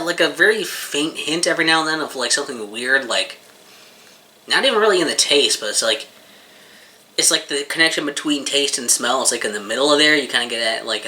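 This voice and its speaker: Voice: mid-range voice, pushed and bright. A person giving a casual, rambling taste-test review, talking informally and swearing freely while eating.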